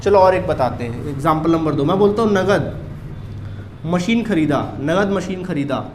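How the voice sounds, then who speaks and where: High-voiced man teaching an accounts class. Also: expressive, normal speed, echoey room, a little hiss or hum. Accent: Chhattisgarhi Hindi. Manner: drills students with repeated questions. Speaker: commerce teacher. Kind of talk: classroom lecture.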